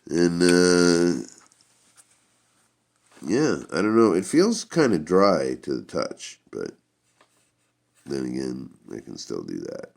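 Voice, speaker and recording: Male reviewer, extremely low voice with gravelly fry, rambling and halting, casual unscripted delivery. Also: very animated, a little mellow. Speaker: product reviewer.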